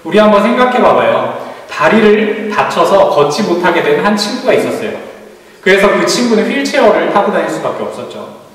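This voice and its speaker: A man gives a children's sermon in a fairly high, lively voice that rises and falls as he tells the story gently. He sounds far from the mic, and the long echo of a church hall rings around every phrase. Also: fairly quick. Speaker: youth pastor. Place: church sanctuary.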